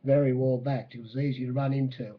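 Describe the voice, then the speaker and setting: An Australian racing bookmaker gives a spoken race-day recap of horse races in a husky, croaky, mid-range voice. He talks haltingly, hesitantly and matter-of-factly, as if working from memory, with fairly even intonation. The audio is a little dull and lo-fi.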